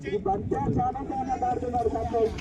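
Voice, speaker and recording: A man giving excited, exclamatory live commentary on a village cricket match, outdoors at the ground. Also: very high-pitched, quick pace, a loud crowd. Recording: muffled, distant outdoor recording with loud noise.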